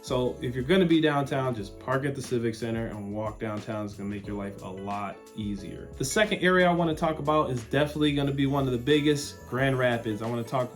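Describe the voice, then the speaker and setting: A man's voice: mid-range voice, fast, few pauses, soft background music. A man from West Michigan, the host of a local relocation channel, talking casually and upbeat to camera. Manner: chatty, upbeat, informal. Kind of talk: casual vlog talk to camera.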